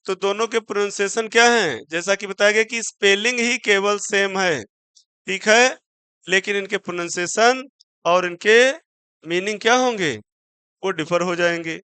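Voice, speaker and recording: A man with a high-pitched, pushed and bright, smooth voice, recorded with no echo, teaches an exam-prep English vocabulary lesson. He mixes Hindi with English terms, poses his own questions, spells words letter by letter, and slows right down on example sentences.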